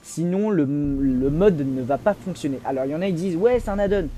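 A young man giving casual let's-play commentary, chatty, restarting his sentences, with excitable bursts. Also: on the high side, fairly quick, slight background noise. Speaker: gaming YouTuber.

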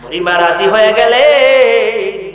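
Brief: high-voiced male preacher with a Bangladeshi accent, shouting and sing-song chanting, working the crowd; echoing mass outdoor sermon. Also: slow pace. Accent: Bangladeshi Bengali. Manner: chants scripture verses in a sung tone, shouts, calls for crowd replies. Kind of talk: fiery sermon at a religious gathering. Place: large religious gathering. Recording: echoey gathering with a crowd.

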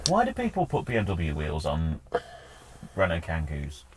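A man's voice: rumbling low, wildly swooping pitch, normal speed, slight background noise. A man co-hosting a podcast, bantering with wry jokes in casual chat. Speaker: podcast co-host.

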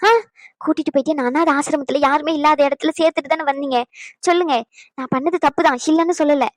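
A stern old grandmother in a cartoon family drama, played by a woman with a high voice that moves quickly through her lecture. She sounds steady and reproachful. The sound is close and dry. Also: dry recording, natural voice. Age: older. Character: elderly grandmother, calm, firm, leaving home. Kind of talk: cartoon voice acting.

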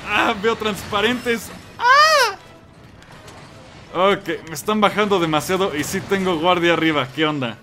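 A young Mexican man with a Mexican Spanish accent commenting on his own gameplay, excitable and quick to yelp and curse. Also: high-pitched, music in the background. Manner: excitable, yelps and curses at the game. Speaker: gamer. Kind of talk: let's play commentary.

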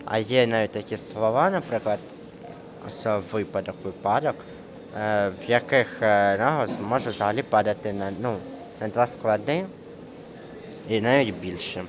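A man tutoring one student through a grammar lesson in a casual, hesitant way, with many fillers, reading example words slowly. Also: fairly low pitch. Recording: dull lo-fi screen recording with clear background noise.

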